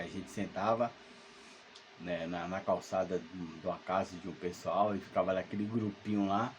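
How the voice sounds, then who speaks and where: A man's voice: low voice, slight background noise. A man, telling a spooky childhood story at home in a rambling, hesitant way full of fillers and restarts. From Salvador, Brazil. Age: 50s. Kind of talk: casual spoken ghost story. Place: at home alone.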